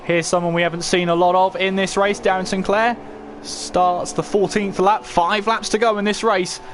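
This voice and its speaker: A man's voice: high-pitched, level tone, moderate pace, noisy background. A man commentating live on a motor race as a motorsport commentator, calling it play-by-play and posing questions as he goes. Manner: running play-by-play with rhetorical questions.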